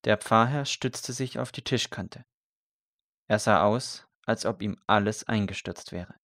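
A man narrating a historical story in measured audiobook style. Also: lowish voice, a bit bright, no echo, studio quality.

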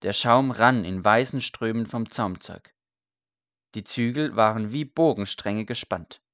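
A man narrating a story in a measured, steady way. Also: mid-range voice, dry recording, studio quality. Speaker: audiobook narrator.

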